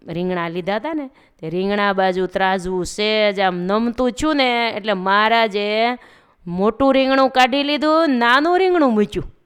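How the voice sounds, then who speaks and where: A woman narrating a devotional story, talking lively and directly to her listeners. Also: medium pitch, clean tone.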